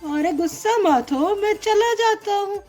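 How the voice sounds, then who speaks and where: A woman voicing a playful, pesky male monkey in a storybook doll show, teasing and pleading with drawn-out words. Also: very high-pitched, animated, darkish tone, soft background music.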